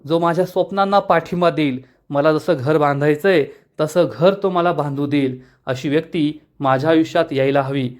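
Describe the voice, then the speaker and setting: A man's voice: a little high, moderate pace, few pauses, natural voice. A man voicing a frustrated, dreamy young woman, speaking in a pleading tone. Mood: wistful.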